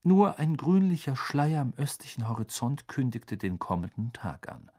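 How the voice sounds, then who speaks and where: A male narrator reads a story aloud with an expressive delivery. His voice is husky, and his pitch moves lively up and down. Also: normal speed. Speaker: audiobook narrator. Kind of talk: scripted narration.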